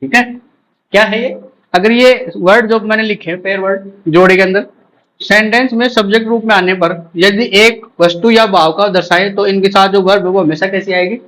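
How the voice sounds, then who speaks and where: A man's voice: high voice, steady tone, normal speed, a bit bright, low-quality recording. A man teaching English grammar for an exam in Hindi mixed with English terms. He repeats key words and keeps asking the class short check questions. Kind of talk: exam-prep grammar lecture.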